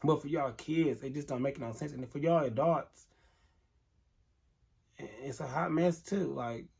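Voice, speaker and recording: A man's voice: a little high, a little slow, vocal fry, darkish tone, husky. A man vlogger telling an emotional storytime to camera, candid and earnest, talking straight to his viewers.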